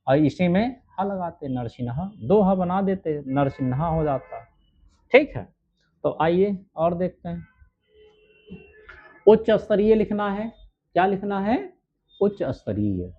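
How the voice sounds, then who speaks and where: A man's voice: high-pitched, sing-song, takes it slowly, pauses often, muffled recording. A man teaching shorthand step by step. He asks his own questions, answers them, and checks in with "है ना" and "ठीक है". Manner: keeps adding "है ना" and "ठीक है" as checks. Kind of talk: steno dictation lesson.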